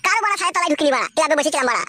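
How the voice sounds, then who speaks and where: A woman voicing a sulky young husband who mutters and swears in a low, sullen way. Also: animated, very fast, heavy background noise. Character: sulky grumbling young husband, son-in-law.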